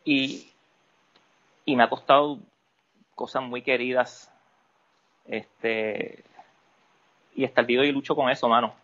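A man, a podcast guest speaking candidly about personal matters, halting and restarting often. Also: medium pitch, steady tone, a bit bright, dull audio. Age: adult. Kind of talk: personal interview talk.

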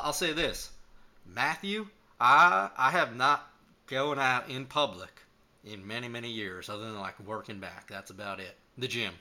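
A man co-hosting a casual podcast chat, telling playful, self-mocking stories and now and then shouting out catchphrases. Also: mid-range voice. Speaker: podcast co-host.

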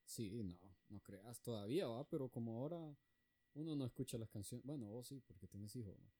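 A man's voice: mid-range voice, animated, a little fast, warm tone, breathy edge. A man co-hosting a casual chat in a laid-back way, mostly answering in short replies. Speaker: podcast co-host.

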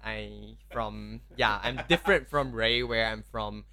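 A man's voice: fairly low pitch, steady tone, a little slow, gravelly, pushed and bright. A man in his twenties from Malaysia, a podcast guest talking openly and frankly, often saying "like". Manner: open, frank, says "like" often. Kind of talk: casual podcast chat.

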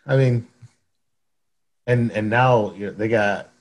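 A man's voice: lowish voice, takes it slowly. A man co-hosting a sports podcast in casual chat, rambling with frequent restarts and laughs. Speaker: podcast co-host.

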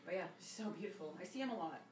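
A woman co-hosting a casual podcast, chatty with quick short reactions. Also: fairly low pitch, animated, soft background music. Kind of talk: casual chat. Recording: echoey room, faint noise.

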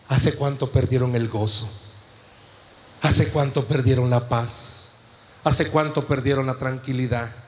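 A man's voice: high voice, fairly bright tone, big-room sound. A man with a Salvadoran accent preaching a sermon in church, telling stories with humor and asking the congregation rhetorical questions. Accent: Salvadoran Spanish. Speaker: pastor.

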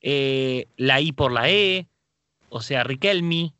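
A man's voice: medium pitch, takes it slowly, pushed and bright, clear, resonant tone, dry recording, muffled recording. A man with an Argentine accent co-hosting a sports radio show, eagerly bringing up trivia. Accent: Argentine Spanish. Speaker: radio co-host. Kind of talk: casual sports radio talk. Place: radio studio.

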